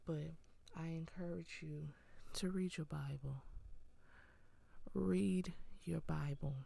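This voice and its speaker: A woman gives an earnest, encouraging devotional talk with an unhurried, gravelly voice. She often sinks into a soft whisper, her tone warm and mellow. The sound is close and dry. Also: low-pitched, fairly even intonation. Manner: earnest, encouraging, with small laughs.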